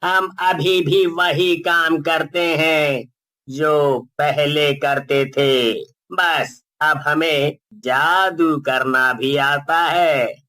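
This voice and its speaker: Cartoon ghost villain, menacing and gloating, bright tone, slow drawn-out delivery. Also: male voice, a little high, exaggerated voice. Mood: boastful. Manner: gloating, threatening, mocking laughter. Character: menacing male ghost child-snatcher villain. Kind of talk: cartoon voice acting.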